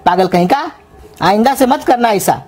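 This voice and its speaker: A woman's voice: fairly high pitch, lively intonation, normal speed, noisy background, natural voice. A woman doing a bald, blustering street vendor uncle. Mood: lecturing. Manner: scolding, threatening, boastful. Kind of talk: animated comedy cartoon voice. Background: music.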